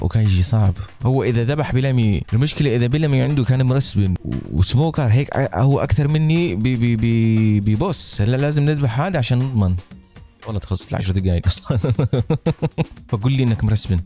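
Male gamer, warm dark tone, quick talker, chatty, faint music behind. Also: mid-range voice, animated. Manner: chatty, laughs often, repeats words. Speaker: guest gaming YouTuber. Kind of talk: excited gameplay commentary.

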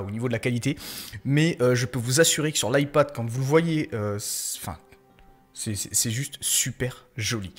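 Gaming vlogger, male, slightly high voice, halting delivery full of fillers, sudden excited bursts. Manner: hesitant, many fillers and restarts, excitable outbursts. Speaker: gaming YouTuber. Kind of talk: casual gameplay commentary.

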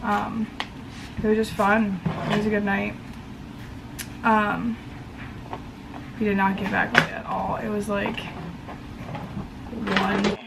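A young woman chats casually to camera in a hoarse, strained voice that is partly lost. There is gravelly fry through it, and clear room noise sits behind her. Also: medium pitch, little pitch movement, slow, pauses often. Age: young adult. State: losing her voice after screaming. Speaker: college student vlogger. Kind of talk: casual vlog chat. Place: small bedroom, indoors. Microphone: camera at about arm's length.

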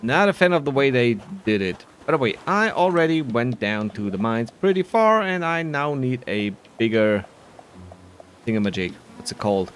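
A very animated man with a mid-range voice narrates a video game he's playing, keeping it casual and playful while musing to himself at length. Soft music plays in the background.

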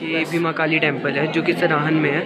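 This casual walking travel vlog comes from a man in his 20s from Himachal Pradesh, India, filming by phone at arm's length along hill walkways and occasionally indoors. He speaks on the high side, flatly and a bit fast, amid a loud crowd. Music is mixed loudly over his speech.

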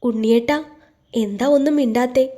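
A woman voicing a shy young bride who teases softly in a thin voice in a romance audio story. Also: fairly high pitch, normal speed, close to an everyday voice. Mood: teasing. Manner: thin, soft, teasing voice.

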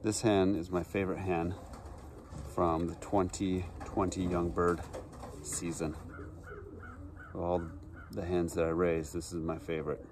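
A man in his forties talks slowly and plainly about his pigeons, stopping now and then on an um. His voice sits very low. The sound is a handheld phone clip taken outdoors, with faint background noise and birds cooing. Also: level tone. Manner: unhurried, matter-of-fact, with frequent ums. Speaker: pigeon breeder. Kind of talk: casual show-and-tell. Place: backyard outdoors.

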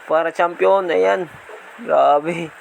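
A man with a slight lisp from missing front teeth, giving excited casual commentary as a vlog host outdoors. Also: on the high side, very slow, gravelly, low-quality recording. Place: outdoors on a rural road, partly riding a motorbike. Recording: outdoor noise, passing motorbikes.

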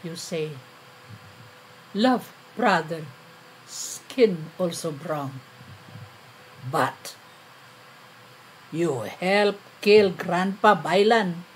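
A woman's voice: lowish voice, a little hiss or hum. A Filipino woman voicing an aggrieved villager in broken English. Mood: bitter accusing. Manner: blunt, halting, accusing broken phrases. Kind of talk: dramatic poetry reading.

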